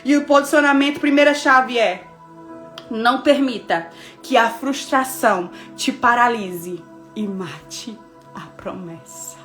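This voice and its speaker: A woman pastor in her thirties preaching a devotional message, telling a personal story with lively, expressive delivery and speaking straight to her listeners. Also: a little high, takes it slowly, faint music behind. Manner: expressive storytelling, acting out dialogue, addressing listeners directly.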